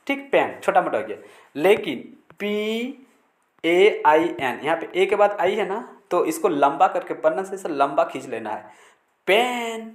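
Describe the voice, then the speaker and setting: Man teaching pronunciation in an echoey room. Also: fairly high pitch. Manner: spells words letter by letter, repeats key rules; frequent checking fillers. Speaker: English teacher. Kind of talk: Hindi-language pronunciation lesson.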